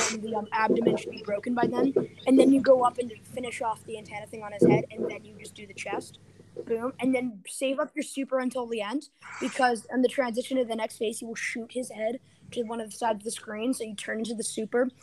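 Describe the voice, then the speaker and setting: A woman's voice: a little high, darkish tone, a little hiss or hum, low-quality recording. Emphatic, opinionated woman. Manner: emphatic, opinionated, jumps in over the other speaker; lays out step-by-step strategy. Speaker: podcast co-host. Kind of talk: casual gaming chat.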